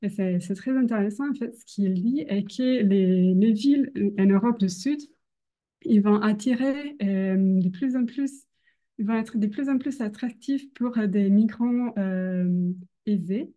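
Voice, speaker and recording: A young woman with a foreign accent, a non-native speaker, gives an academic presentation hesitantly, often pausing to search for words. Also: mid-range voice, warm tone. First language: not French. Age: young adult. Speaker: doctoral researcher presenting.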